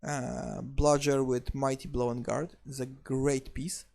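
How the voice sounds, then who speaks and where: Gravelly-voiced man in casual recap chat. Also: mid-range voice, little pitch movement, a little mellow. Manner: joking, restarts, halting filler-heavy phrasing. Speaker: league recap co-host.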